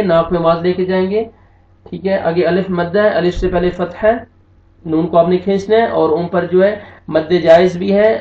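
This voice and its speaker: A man's voice: fairly high pitch, darkish tone. A man teaching a Quran recitation lesson, patiently explaining pronunciation rules step by step and spelling out each word. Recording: dull lo-fi sound, roomy echo.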